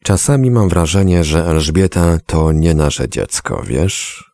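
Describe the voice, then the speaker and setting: A man voicing a hushed, helpless mother. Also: deep voice, expressive, measured pace, dry recording. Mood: worried. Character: worried young mother, hesitant and helpless.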